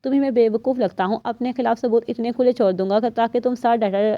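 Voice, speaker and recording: A woman's voice: a little high, steady tone, no room sound, close to an everyday voice. A woman reading the part of a ruthless male crime boss in a storybook reading, mocking and coldly self-assured. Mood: mocking menace. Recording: dull, slightly lo-fi dry recording.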